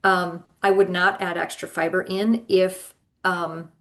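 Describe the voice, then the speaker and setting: A woman's voice: on the low side, little pitch movement, a little slow. A woman health coach giving advice as a podcast guest, explaining in an earnest way with frequent ums. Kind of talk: advice in casual interview.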